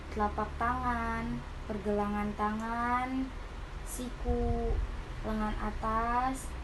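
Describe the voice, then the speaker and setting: A woman hypnotist speaks in a fairly high voice with very flat intonation. She gives soothing, repetitive relaxation suggestions. Clear background noise runs behind her voice. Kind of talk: guided hypnosis relaxation script. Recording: clearly noisy recording with ambience.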